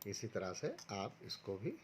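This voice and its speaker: A man's voice: lowish voice, wildly swooping pitch, measured pace, slight background noise. A man teaching a recorded online lesson to first graders, patiently going step by step and sounding out syllables for pupils to repeat. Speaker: primary school teacher.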